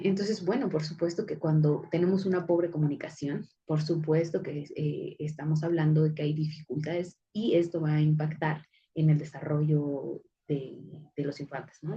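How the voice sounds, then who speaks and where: Woman lecturer, low mellow voice, chatty with fillers, muffled lo-fi audio. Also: a little hiss or hum. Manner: conversational, many fillers and restarts. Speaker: psychology lecturer. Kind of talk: recorded class lecture with anecdotes. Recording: dull lo-fi recording.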